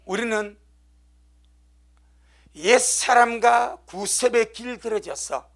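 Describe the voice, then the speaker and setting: A middle-aged male pastor preaching a sermon, pressing his points through repetition and dropping from loud stresses to hushed near-whispers. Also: extremely high pitch, takes it slowly, gravelly.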